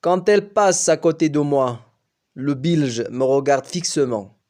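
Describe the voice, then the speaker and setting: A man who teaches French, reading a novel aloud slowly and carefully. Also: a little high, animated, darkish tone. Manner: slow, careful storybook reading.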